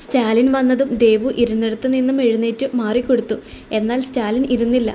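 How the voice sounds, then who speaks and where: A woman narrates a scripted romance story with steady, expressive reading. Her voice sits high and sounds soft and mellow. A faint hiss stays under the voice. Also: fast.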